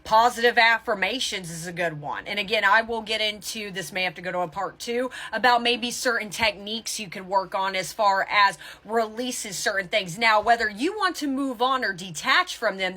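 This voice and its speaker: This woman speaks in a mid-range, sharp-toned voice. Working as a tarot reader, she offers motivational spiritual guidance with blunt, emphatic tough love and casual profanity.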